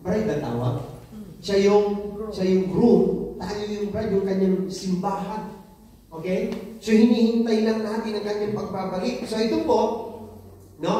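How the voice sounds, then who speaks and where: A woman's voice: mid-range voice, dark tone. Woman preaching in a very echoey hall. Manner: keeps asking the congregation for agreement. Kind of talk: conversational sermon. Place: church hall. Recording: very echoey room, mic far off.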